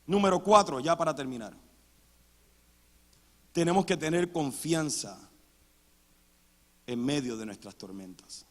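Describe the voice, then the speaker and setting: A man preaching a sermon in a church, with sudden loud dramatic outbursts. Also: fairly high pitch, lively intonation, a little slow, long pauses. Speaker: pastor. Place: church sanctuary. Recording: long church hall reverb.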